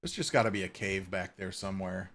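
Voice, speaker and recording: Playing Minecraft at home, a male streamer keeps up brisk, easygoing commentary, tossing out casual swears and cooing to his cat. His voice is deep and a bit bright, over a slight hiss or hum.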